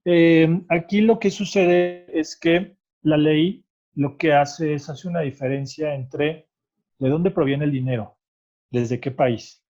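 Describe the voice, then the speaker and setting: A tax expert guest with a Mexican Spanish accent explains tax rules patiently in conversation, often checking that he's understood and adding "¿ok?" after his points. His voice sits on the high side with a darkish tone, and he takes it slowly. The audio is dull.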